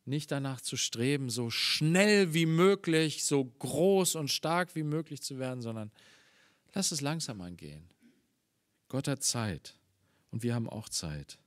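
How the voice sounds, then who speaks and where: A man preaching a Sunday morning sermon in German, reading scripture slowly and explaining it with earnest emphasis. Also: medium pitch, expressive, dry recording, studio quality. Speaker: pastor.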